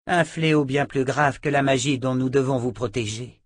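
In a fantasy audiobook, a man voices a weary, grave sorceress who lectures somberly. He pitches it above his natural voice, though it stays close to everyday speech, at medium pitch and moderate pace. There's no room sound.

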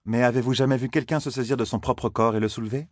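A man's voice: medium pitch, steady tone, quick pace, dry recording, natural voice. A powerful older sorceress ruler speaks with cool, mocking condescension, as a man voices her. The sound is close and dry, in the style of a dramatized audiobook. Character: stern, powerful older woman leader of a sorcerous order.

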